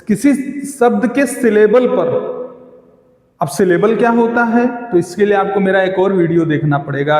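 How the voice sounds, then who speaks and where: A man with an Indian accent teaching an online lesson, explaining slowly and repeating himself while quizzing the viewer. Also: high voice, a little mellow. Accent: Indian English. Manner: slow, repetitive, quizzing the viewer. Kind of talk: video lesson, mixing Hindi and English. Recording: echoey room with long reverb.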